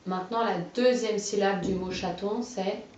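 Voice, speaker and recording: A woman guiding a child through a phonology lesson, giving clearly pronounced words one at a time and encouraging replies. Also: mid-range voice, darkish tone, far from the mic, slight background noise. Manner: slow, carefully articulated, encouraging. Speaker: teacher of a phonology exercise. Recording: dull, roomy, off-mic sound.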